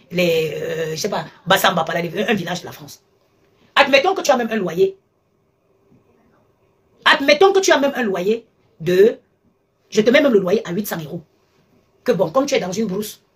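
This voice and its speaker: On her live stream, a woman with a husky, medium-pitched voice rants and lectures emphatically, hammering her points again and again. It's recorded on a phone.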